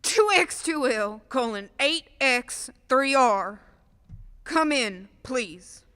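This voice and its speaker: An actress playing an anxious amateur radio operator, slowly repeating call signs and calling for an answer in a ham radio call. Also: female voice, high-pitched, animated, sharp tone, clear, resonant tone, exaggerated voice. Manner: slow, insistent repeated calling. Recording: distant voice in a reverberant hall.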